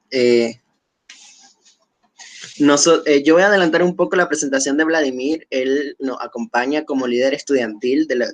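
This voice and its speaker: A man hosting a webinar and moderating an online panel. He speaks in a measured way, with frequent fillers and restarts. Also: on the high side. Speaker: webinar host.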